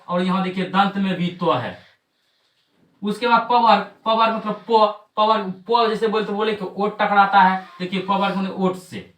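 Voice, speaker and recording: A man's voice: sits high, a bit bright. A male coaching teacher gives an exam lesson, drilling points by chanting them over and over. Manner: repetitive drilling, chant-like recitation. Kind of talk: classroom lesson on Hindi phonetics. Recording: roomy echo, mic at a distance.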